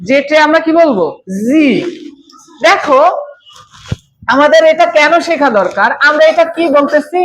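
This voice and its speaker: A woman's voice: high voice, expressive, moderate pace, poor audio. A woman with a Bangladeshi accent teaching a children's spoken English class, coaxing the room and checking "okay?" again and again. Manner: coaxing, repeats "okay?" often, mixes Bengali and English.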